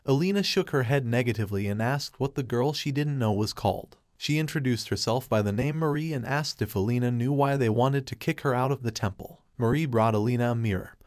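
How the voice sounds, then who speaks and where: A man reading a scripted story recap in a steady, even narrating voice. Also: medium pitch, dry recording, studio quality.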